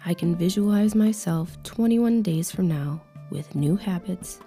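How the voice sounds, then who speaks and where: A woman guides a meditation with affirmations, her voice calm, soothing, unhurried and breathy, nearly a whisper right in the listener's ear. Her pitch sits on the low side, and faint music plays behind her.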